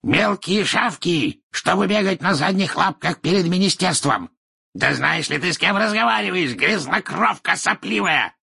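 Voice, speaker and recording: A man voicing a furious, boastful old pure-blood wizard, ranting in a raspy, shrill voice. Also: big pitch swings, unhurried, pushed and bright, heavily acted. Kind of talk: audiobook character reading.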